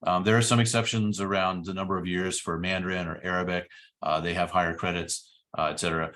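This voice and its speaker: A program director, a middle-aged man, gives an informational presentation about a study program, walking through it step by step with many fillers. His voice is low, fast, a bit bright, and fairly flat in pitch.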